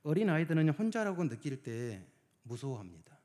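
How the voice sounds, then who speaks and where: Man preaching with a lively pitch. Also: a little fast. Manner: swings between hushed near-whispers and loud emphasis, many rhetorical questions. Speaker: pastor. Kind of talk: sermon.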